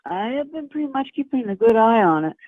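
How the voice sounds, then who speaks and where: An older woman in a casual phone conversation, speaking in a hesitant, halting way. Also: fairly high pitch, big pitch swings, no room sound. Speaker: scam victim receiving help. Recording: dull, narrow phone-line sound.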